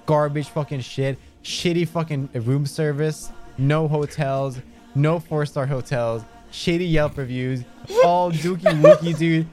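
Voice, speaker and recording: A man's voice: on the high side, steady tone, a little slow, darkish tone, soft background music. A man co-hosting a podcast in casual chat, ranting in rambling, profane jokes. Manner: profane, rambling jokey rants. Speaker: podcast co-host.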